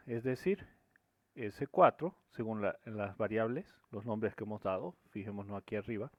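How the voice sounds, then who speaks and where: A man's voice: on the low side, dry recording. A man teaching a screen-recorded programming lesson, explaining each step and often checking that students follow. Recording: dry, dull lo-fi recording.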